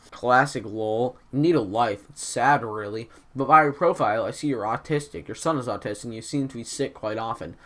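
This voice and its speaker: A young man hosting a casual video, reading posts aloud and commenting in a self-deprecating way, stumbling and slurring because his mouth is numb from the dentist. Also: medium pitch. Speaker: host of a Reddit reading video.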